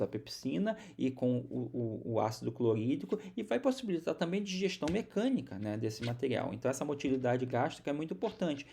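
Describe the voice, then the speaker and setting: A man's voice: on the high side, vocal fry, mellow, slightly rough. A man from Brazil giving a recorded university biology lecture, explaining step by step with many restarts and repeated words.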